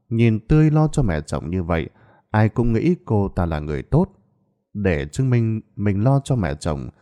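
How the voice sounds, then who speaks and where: A man narrating a ghost story in an expressive, dramatic reading. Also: lowish voice. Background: faint background music.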